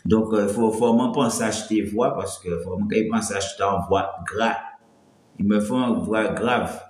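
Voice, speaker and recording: A man from the French Antilles chats casually on a live stream, rambling and greeting viewers one at a time, his light voice cracking when he pushes it. He sits on the low side and speaks at a measured pace, in a room with noticeable echo.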